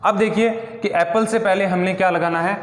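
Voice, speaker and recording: A man's voice: high-pitched, steady tone, a little fast. Man teaching in an echoey room. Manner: explanatory, repeats "ठीक है" and asks the class rhetorical questions. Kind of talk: classroom grammar lesson. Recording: echoey room with long reverb.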